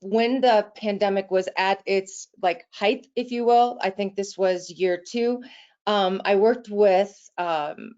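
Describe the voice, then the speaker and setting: Middle-aged female guest, gushing and excitable, dull webinar-quality sound. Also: medium pitch, slow. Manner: effusive, excitable, rambling with restarts. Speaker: guest speaker. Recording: muffled lo-fi webinar audio.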